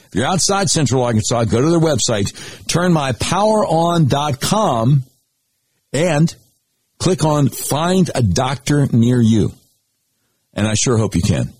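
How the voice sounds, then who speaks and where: A man with an American accent and a husky voice, hosting talk radio in a folksy, deliberate, emphatic way with dramatic pauses. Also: mid-range voice, a little mellow, dry recording. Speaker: radio talk show host. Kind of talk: talk radio monologue with live-read sponsor spots.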